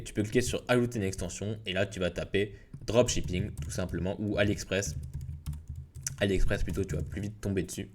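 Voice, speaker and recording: A young man giving a casual, filler-heavy software tutorial. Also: fairly low pitch. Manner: casual, informal, many fillers and restarts. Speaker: WordPress tutorial youtuber. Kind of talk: screen-recorded software tutorial.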